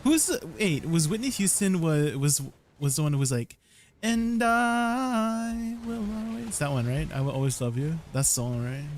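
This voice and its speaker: A young man streamer talks casually with viewers in a rambling, meandering way. His voice runs through a deep pitch-shifting voice changer. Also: animated, moderate pace, a little hiss or hum. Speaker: livestreamer.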